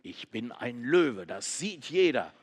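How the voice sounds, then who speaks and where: A man voicing a stubborn young female goat who insists she is a lion, loud and insistent. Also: mid-range voice, sing-song, slow, slightly rough, heavily acted.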